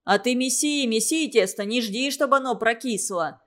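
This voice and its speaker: A woman voicing a cheerful, cunning young baker who mocks his guest in a lively singsong way. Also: a little high, moderate pace, lightly acted. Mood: scolding.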